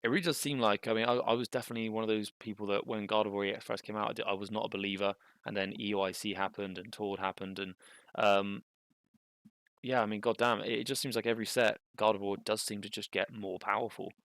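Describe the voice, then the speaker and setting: A young man giving casual, thinking-aloud commentary on a card game match, with bursts of excitement. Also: lowish voice, fast talker, dry recording, studio quality.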